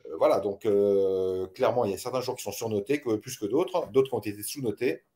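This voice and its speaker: Low-voiced man, measured, hedging supporter. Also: warm tone. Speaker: football supporter. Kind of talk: casual chat.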